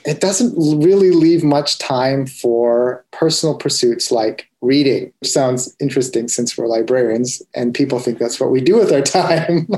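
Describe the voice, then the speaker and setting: Easygoing podcast guy just chatting, mid pitch, kinda loose. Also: normal speed, hardly any pauses, darkish tone. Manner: easygoing, chatty, some restarts. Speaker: podcast co-host. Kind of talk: casual chat.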